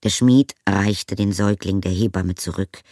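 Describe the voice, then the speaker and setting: A man narrating an audiobook in a measured, calm storytelling manner. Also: low-pitched, no echo, studio quality. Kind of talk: scripted narration.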